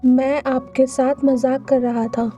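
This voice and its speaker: A woman's voice: high voice, little pitch movement, takes it slowly, mellow, soft background music. Woman reading as a teasing lord tutor. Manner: teasing, mock-tearful. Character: playful adult male lord and tutor, teasing.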